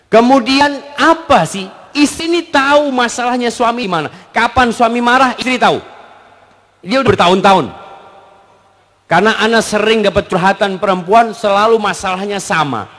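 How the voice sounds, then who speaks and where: A man's voice: high-pitched, normal speed. A man preaching in a question-and-answer lecture, joking with the audience and acting out scenes between husbands and wives. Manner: lively, acts out husband-and-wife exchanges; jokes with the audience. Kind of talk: Islamic Q&A lecture.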